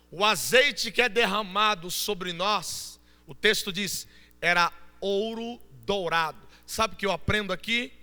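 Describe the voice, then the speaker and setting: A man with a Brazilian Portuguese accent preaching a Pentecostal sermon, shouting fervently and then dropping to soft storytelling. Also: high-pitched, smooth, in a large hall. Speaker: pastor. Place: church.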